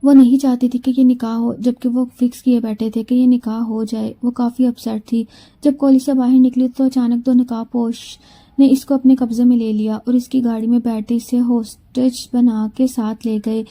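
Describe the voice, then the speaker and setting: Woman narrating a novel in a dark, mellow voice. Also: fairly high pitch, flat delivery, normal speed. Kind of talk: scripted story narration.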